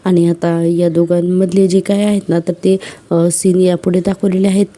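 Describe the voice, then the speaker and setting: A woman narrates an episode recap of a television serial, retelling each scene in order and turning to her viewers now and then. Her voice is very dark and mellow, and her pitch barely moves, so the recap comes out flat and even. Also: moderate pace. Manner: retells scenes step by step, addresses viewers directly.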